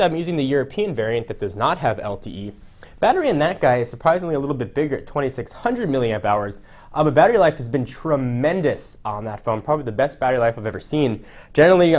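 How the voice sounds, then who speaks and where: A young man chatting casually through a phone unboxing, jokey and full of "uh" fillers. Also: mid-range voice. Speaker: tech reviewer.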